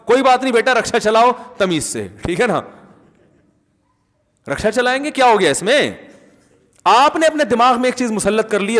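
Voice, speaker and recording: A middle-aged male cleric delivers a sermon in a high voice, mixing humor with fervent emphasis. He mimics the people he quotes in the manner of a storyteller. His words trail off into long reverberation in a large hall. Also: fairly bright tone. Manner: emphatic oaths, rising fervor. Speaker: Islamic cleric.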